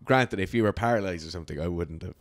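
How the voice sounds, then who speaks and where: Blunt, low-voiced Irish coach. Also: male voice, quick pace, no room sound, studio quality. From Ireland. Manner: blunt, swears, mocks in put-on voices. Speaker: strength coach and podcast co-host. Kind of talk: casual podcast chat.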